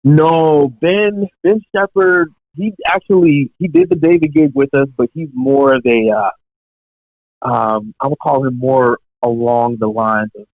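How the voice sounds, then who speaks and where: As a podcast guest, a young professional touring drummer with a mid-range voice casually shares stories from his music career, unhurried and relaxed. He drifts into asides and fillers and chuckles as he goes, and the dry, slightly dull audio suggests a home podcast setup.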